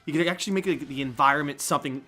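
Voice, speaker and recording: A man's voice: on the high side, racing, faint music behind. A man co-hosting a gameplay video, cracking jokes and reacting to the game. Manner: joking, animated reactions. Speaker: gameplay co-host. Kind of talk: casual gameplay chat.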